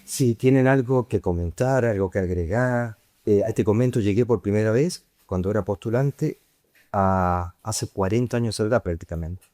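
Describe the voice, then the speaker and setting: Low-voiced priest in his fifties. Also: moderate pace, mellow, dry recording, studio quality. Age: 50s. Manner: conversational, often adds a questioning tag. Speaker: priest leading a retreat. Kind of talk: informal retreat talk.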